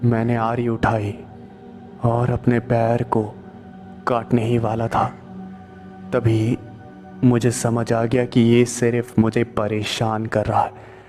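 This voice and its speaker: A man narrating a first-person horror story in slow, tense storytelling. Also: mid-range voice, monotone, a little mellow, soft background music. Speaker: storyteller narrating as a truck driver.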